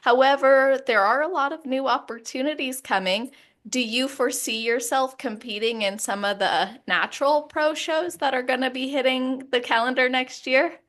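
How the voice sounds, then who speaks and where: A woman's voice: sits high, moderate pace, a bit bright. A woman hosting a podcast, asking long reflective questions in an affirming way. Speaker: podcast host. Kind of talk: casual interview questions.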